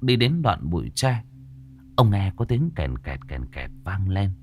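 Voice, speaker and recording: A man narrating a scripted horror story in a dramatic, expressive way. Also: low voice, measured pace, slight background noise.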